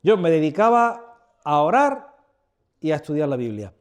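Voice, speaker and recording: A man's voice: fairly high pitch, very animated, normal speed, darkish tone. A man in his fifties from Andalusia, preaching an informal sermon into a microphone to a live audience, chatty and humorous, often asking the audience questions. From Andalusia, Spain. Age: 50s. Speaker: preacher leading a church workshop. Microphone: handheld or stand microphone.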